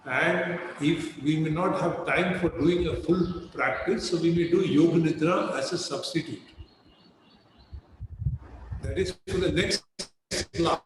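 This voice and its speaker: A man teaching a yoga class over a video call through an external microphone that adds a strong echo, giving slow, calm instructions. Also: fairly high pitch, noisy background.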